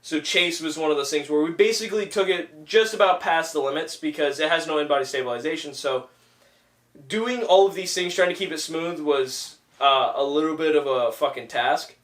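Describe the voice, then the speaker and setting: A man's voice: on the high side, moderate pace, fairly bright tone. A young man hosting a casual podcast, rambling with lots of fillers and swearing. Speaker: podcast host and filmmaker. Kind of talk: casual chat. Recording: echoey room, far from mic.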